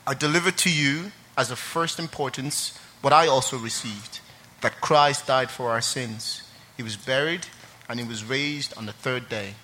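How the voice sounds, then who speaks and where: Speaking at normal speed with a sharp tone and medium pitch, this young man from Ireland shares his testimony during a church service. He's conversational, full of fillers and laughter, and later reads from scripture.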